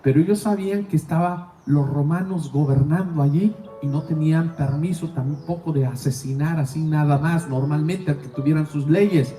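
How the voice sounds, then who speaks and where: A male priest preaches in a fairly high, mellow voice, telling a story and acting out the voices in it. He stands off-mic in an echoey room. Faint music plays behind him. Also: moderate pace, hardly any pauses, far from the mic. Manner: storytelling, acts out quoted voices. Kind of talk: sermon.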